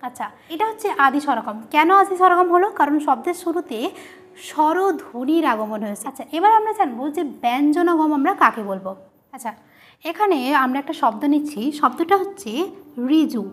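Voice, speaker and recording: A woman's voice: high voice, animated, fairly quick. A woman teacher giving a grammar lesson, who asks questions and answers them herself, repeating each key term.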